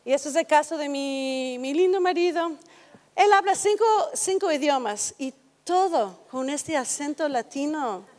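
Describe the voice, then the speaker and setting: A high-pitched woman lectures in a relaxed, conversational way and keeps turning questions back to her audience. Her voice carries a long reverb, as if recorded in a large hall. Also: measured pace. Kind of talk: educational talk to an audience.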